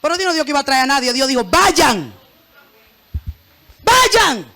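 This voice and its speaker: A woman pastor preaches to her church, her voice very high-pitched and ringing bright. She keeps the sermon lively, joking and calling on the congregation to repeat her words after her. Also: very fast.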